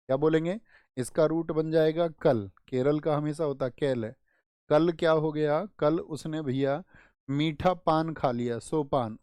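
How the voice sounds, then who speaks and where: A male exam-prep teacher giving an online lesson, asking students quick questions and teaching memory tricks with little stories. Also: on the high side, darkish tone, no echo, clean studio sound.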